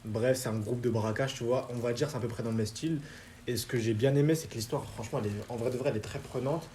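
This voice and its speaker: A man's voice: medium pitch, quick pace, slight background noise. A young man hosting a casual chat about anime, talking loosely in slang with lots of fillers. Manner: relaxed slangy talk with many fillers. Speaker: host.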